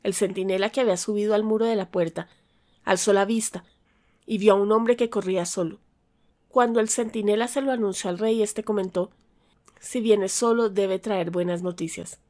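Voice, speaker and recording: A woman reading scripture aloud in a calm, measured narration. Her voice sits at an ordinary middle pitch and she keeps an even, steady pace throughout. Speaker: Bible reader.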